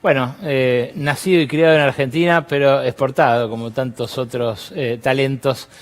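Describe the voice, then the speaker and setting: A man's voice: mid-range voice, steady tone, moderate pace. A man with a Rioplatense accent hosting an interview show, asking questions conversationally and thanking his guest. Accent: Rioplatense Spanish. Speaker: host.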